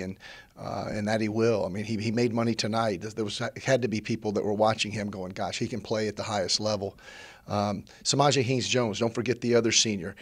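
Deep-voiced middle-aged coach, measured. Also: male voice. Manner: measured, repeats words when starting phrases. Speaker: head basketball coach. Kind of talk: post-game interview. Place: press backdrop at an arena. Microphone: handheld mic held by interviewer.

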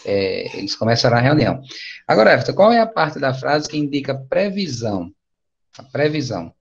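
A man with a Brazilian Portuguese accent teaches an English class over a video call, patient and casually encouraging. His mid-range voice is sing-song and brisk with some vocal fry, and the online class audio is dull and lo-fi.

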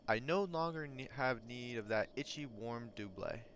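A man reading a lonely old hermit's lines in a slow, earnest, theatrical voice. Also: mid-range voice, animated, noisy background, natural voice. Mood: wistful. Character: lonely old male hermit, gentle and wistful. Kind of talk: reading game dialogue in a put-on voice.

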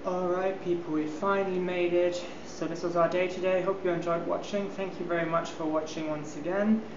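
A man's voice: sits high, little pitch movement, brisk, muffled recording, noisy background. Upbeat young man vlogging. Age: young adult. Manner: upbeat, chatty, addresses viewers directly. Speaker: travel vlogger. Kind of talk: casual travel vlog. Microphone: handheld camera at arm's length.

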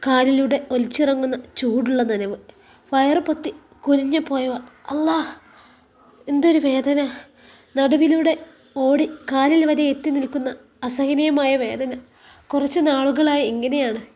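A woman with a Malappuram Malayalam accent tells a story. Her voice is high and light. She narrates calmly and evenly. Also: moderate pace.

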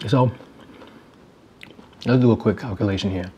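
A man's voice: fairly low pitch, moderate pace, dark tone, slight background noise. A young man in a casual vlog, reading an article aloud and commenting wryly while eating cereal. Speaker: YouTuber.

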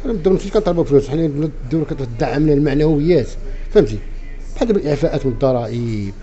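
A man's voice: fairly high pitch, expressive, rapid-fire, mellow. A man in his forties with a Casablanca Moroccan accent, complaining emphatically and repeating himself in a spontaneous interview. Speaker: café owner being interviewed. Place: inside a small café, behind the counter. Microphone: handheld reporter microphone. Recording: muffled sound with faint background noise.

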